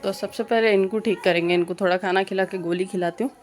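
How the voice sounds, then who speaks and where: A young woman with a Hyderabadi accent, hoarse-throated, chatting brisk and coaxing through her home vlog. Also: medium pitch, steady tone, a little mellow. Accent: Hyderabadi Urdu. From Hyderabad, India. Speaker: family vlogger and mother. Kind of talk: casual vlog narration. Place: home, indoors.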